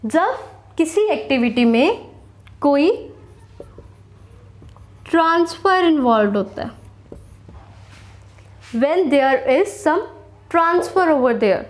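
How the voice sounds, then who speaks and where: A young woman with an Indian accent gives an accounting lesson in a high, clear voice. She poses questions to her students and then answers them. Her explanations are slow and deliberate. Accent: Indian English. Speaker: accounting teacher. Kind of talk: classroom lecture.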